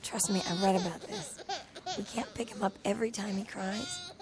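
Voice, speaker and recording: An actress playing a capable, practical young mother in an audio drama, speaking briskly. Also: mid-range voice, big pitch swings, a crowd in the background, lightly acted.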